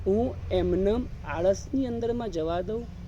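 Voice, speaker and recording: Over audible background noise, a monk delivers an evening sermon in a high voice at a slightly slow pace. He repeats phrases to drill in his points and keeps asking the audience rhetorical questions, captured on a dull lo-fi recording.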